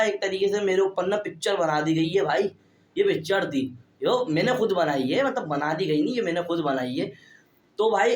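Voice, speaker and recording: Young man, vlogger, casual storytelling, fairly high voice, echoey room. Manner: chatty, keeps addressing viewers as brother; stands talking straight to camera. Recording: roomy echo.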